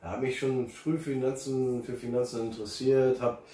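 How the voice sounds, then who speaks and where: A man's voice: medium pitch, flat delivery, normal speed, warm tone. Rambling man, roomy distant sound. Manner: rambling, many fillers and restarts. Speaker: interview guest, finance blogger. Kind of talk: casual interview.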